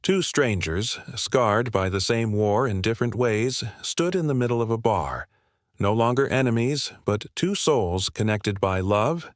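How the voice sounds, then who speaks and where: A man narrating a scripted dramatic short story in a measured storytelling manner. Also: on the low side, animated, no echo, clean studio sound.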